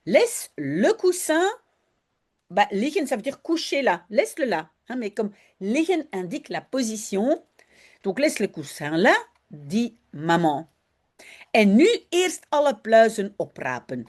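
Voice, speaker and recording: Slow, lively teacher, woman. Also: mid-range voice. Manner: slow, explanatory, switching between Dutch and French. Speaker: Dutch language teacher. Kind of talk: line-by-line reading and translation lesson.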